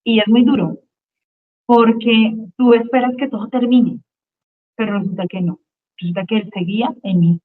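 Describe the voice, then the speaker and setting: A woman gives a personal faith testimony as a guest, speaking earnestly and emotionally and repeating phrases for weight. Her voice is fairly high, with fairly even intonation at a moderate pace. The audio sounds tinny, like a phone line.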